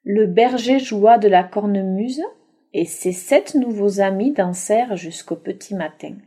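A woman's voice: medium pitch, breathy edge. A woman reading a children's story aloud as the storyteller. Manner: slow, lively intonation.

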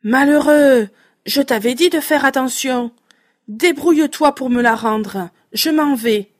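Angry scolding cousin kid, done by a lady, loud and high. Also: unhurried. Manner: shouting, scolding.

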